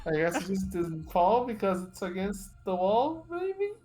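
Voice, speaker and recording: A woman's voice: mid-range voice, dark tone, soft background music. A woman co-host chatting casually and joking about the game as it is played. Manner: chatty, joking, quick to laugh. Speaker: co-host watching the stream. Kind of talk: casual chat.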